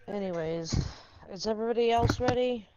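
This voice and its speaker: A woman's voice: on the high side, moderate pace, warm tone, slight background noise. A woman hosting a gaming livestream, teasing the players with playful announcer-style introductions. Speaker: stream host. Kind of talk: casual gaming livestream chat. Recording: slightly dull lo-fi stream audio.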